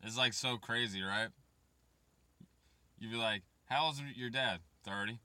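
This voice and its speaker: A thirty-year-old vlogger talks straight to chat in a rambling, profane, casual way about waiting and raising kids. His voice is fairly low, a little slow, bright, forceful and smooth, with no echo.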